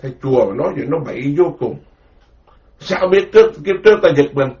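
A man, a Buddhist monk, giving a rambling, animated dharma talk full of stories. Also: on the high side, fast talker. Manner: rambling, animated storytelling with quoted voices. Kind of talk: informal spoken sermon. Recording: dull lo-fi recording.

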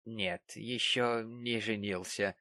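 Man playing a shy, soft-spoken young man. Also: medium pitch, slow, no echo. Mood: bashful. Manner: soft, hesitant. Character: shy, modest, good-natured young man.

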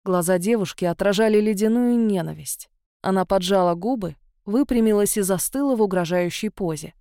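A woman narrating a storybook with expressive storytelling. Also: mid-range voice, brisk, smooth, no room sound, clean studio sound. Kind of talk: audiobook narration.

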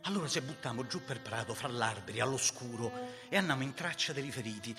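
A man with a Roman accent recites a dialect verse story for radio theatre, theatrical and swelling to shouted battle cries. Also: mid-range voice, expressive, fairly quick, music in the background.

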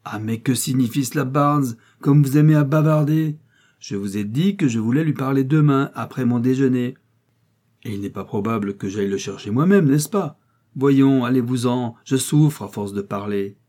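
A man doing a testy old rich gentleman. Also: medium pitch, moderate pace, lightly acted. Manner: commanding and impatient. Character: old, ailing, irritable wealthy gentleman. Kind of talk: audiobook character reading.

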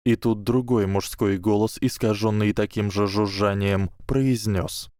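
A man reading an audiobook in measured, even storytelling narration, close to the mic. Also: fairly low pitch, dry recording.

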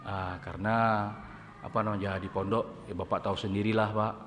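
A nervous young suitor, as a preacher acts him out, stammers softly in a low, hushed voice that is bright and forward in tone. The sound is echoey, as if in a large hall, with faint noise behind it. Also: male voice, little pitch movement, a little fast, natural voice. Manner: stammering, hesitant, quiet.

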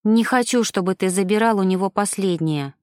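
A woman doing a fragile gentle young woman. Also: medium pitch, fairly quick, clean tone, dry recording, clean studio sound, natural voice. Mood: troubled. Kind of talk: audiobook character reading.

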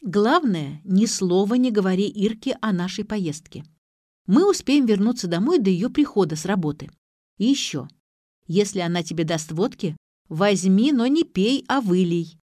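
A woman voicing a bossy, quick-tempered young woman who gives emphatic orders, in an audiobook. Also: medium pitch, animated, dark tone, dry recording, studio quality, lightly acted. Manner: emphatic, commanding.

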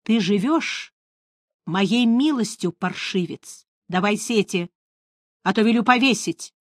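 A woman's voice: medium pitch, slow pace, dry recording. A woman voicing a haughty, hot-tempered male prince who barks commands. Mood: domineering. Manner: barking, domineering.

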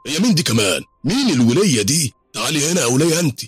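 A man's voice: low-pitched, very animated, brisk, sharp tone, husky, no room sound, soft background music, exaggerated voice. A man with an Egyptian accent voicing a cruel, mocking henchman who barks at villagers. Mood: scornful. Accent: Egyptian Arabic. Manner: scornful, barking.

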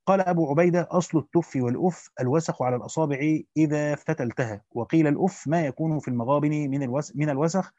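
A man's voice: fairly high pitch, racing, few pauses, mellow, dry recording, dull audio. A man teaching Quran commentary, reading the text aloud and then explaining it in colloquial asides.

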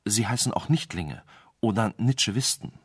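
A man's voice: fairly low pitch, expressive, moderate pace, breathy edge, no room sound, studio quality. A man voicing a frightened wise man in a radio play, pleading and desperate for his life. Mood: explaining.

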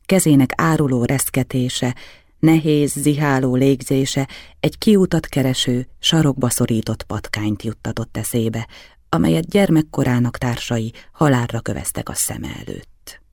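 Man, literary narration, quiet and measured, gravelly, dry close mic. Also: mid-range voice, no echo. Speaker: audiobook narrator.

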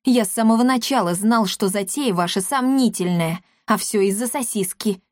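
A woman's voice: mid-range voice, moderate pace, no echo, clean studio sound, lightly acted. A woman voicing a grumpy, sarcastic male talking cat in a storybook reading, grumbling and mocking.

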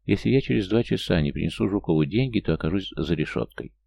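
A man's voice: deep voice, animated, quick pace, creaky, dark tone, dry recording, heavily acted. A male audiobook reader voicing a frightened young single mother, pleading and close to tears. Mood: despairing. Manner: anxious, pleading, tearful.

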